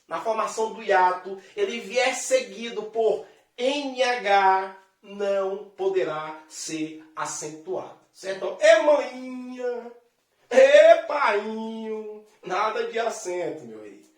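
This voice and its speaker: A man's voice: high voice, slow. A man teaches a grammar lesson in a friendly, chatty way, pulling the listener along as he goes. He draws out the key words as he explains them. His voice is picked up from some distance and rings in a roomy, echoing space. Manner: lively and chatty, addresses the viewer directly, draws out example words. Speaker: Portuguese teacher. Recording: echoey room, distant mic.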